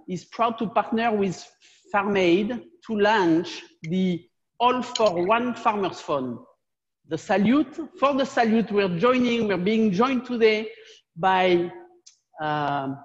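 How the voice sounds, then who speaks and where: A woman hosting a video fundraiser, giving halting opening remarks with many pauses and fillers. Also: mid-range voice, in a large hall, dull audio.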